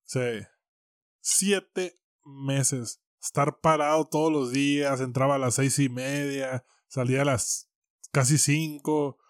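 A man's voice: mid-range voice, steady tone, takes it slowly, dry recording, studio quality. A man with a Mexican accent, chatting casually and cracking teasing jokes. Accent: Mexican Spanish. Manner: joking, teasing interjections. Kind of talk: casual chat.

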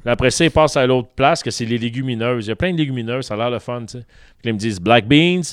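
A man's voice: medium pitch, racing, clean tone, no echo, studio quality. A man with a Québécois French accent telling a long story in casual chat, dropping English words into his French.

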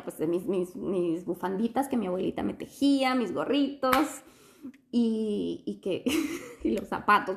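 A young woman from Quito with an Ecuadorian Spanish accent, telling a story in casual chat with animated bursts of laughter. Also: mid-range voice, slight background noise. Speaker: guest telling her story.

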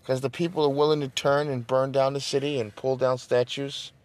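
Brisk and level in tone, this middle-aged man's smooth, mid-range voice carries a casual political podcast monologue. As host, he talks straight to his listeners, invites call-and-response, and rises into an emphatic cadence like a preacher's.

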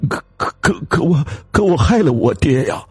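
A man's voice: lowish voice, wildly swooping pitch, normal speed, a little mellow, breathy edge, dry recording, faint music behind, voice pushed up, heavily acted. A man voicing a timid, cowardly husband who stammers and whines in fear. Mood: terrified stammering. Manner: stammering, whiny. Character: timid cowardly middle-aged man, fearful.

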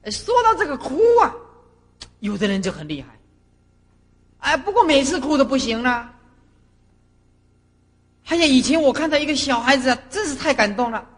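Woman Buddhist master giving a doctrinal lecture, high and animated delivery, long hall reverb. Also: moderate pace, pauses often, breathy edge. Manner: animated storyteller who acts out scenes. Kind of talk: doctrinal lecture with personal stories.

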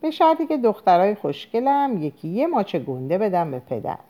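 A woman reading a novel aloud, voicing an easygoing middle-aged husband and father in her own mellow voice. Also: medium pitch, big pitch swings, natural voice. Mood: teasing.

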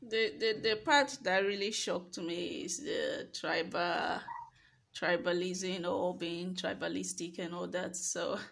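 A Nigerian woman from Edo State, hosting a casual interview and reflecting calmly on her guest's story. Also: lowish voice, takes it slowly, gravelly. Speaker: interview host.

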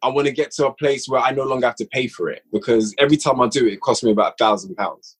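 Speaking very quickly in a slightly rough, mid-range voice, this man is a guest writer and producer of audio drama. He chats at length on a podcast in a relaxed way, frequently restarting as he describes what he does.

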